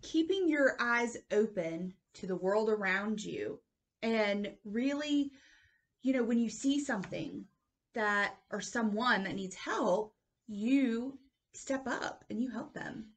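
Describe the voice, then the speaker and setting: A woman's voice: fairly high pitch, animated, slow pace. A woman in her thirties co-leads a children's church lesson. She speaks in an affirming, supportive way. She is recorded through a table webcam in a book-lined church library. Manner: affirming, adds short supportive comments.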